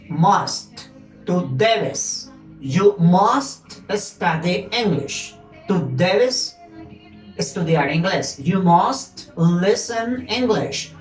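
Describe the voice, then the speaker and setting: Woman teaching grammar, echoey room. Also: lowish voice. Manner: explains slowly, switching between English and Spanish, repeating words for drill. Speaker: English teacher. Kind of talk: bilingual grammar lesson.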